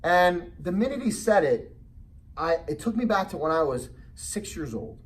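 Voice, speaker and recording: A man presenting a real estate investing seminar, telling personal stories in an animated way and often checking in with rhetorical questions. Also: a little high, normal speed, distant mic. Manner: animated storytelling with frequent rhetorical check-ins. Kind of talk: motivational sales seminar talk.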